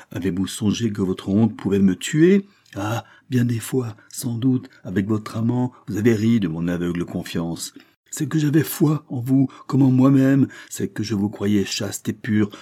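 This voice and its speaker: A man reading the part of a proud older countess in a rage: her voice is pushed up from a low, husky base into loud, wrathful bursts of scorn. The tone stays dark and heavy throughout. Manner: shouting, scornful, wrathful tirades.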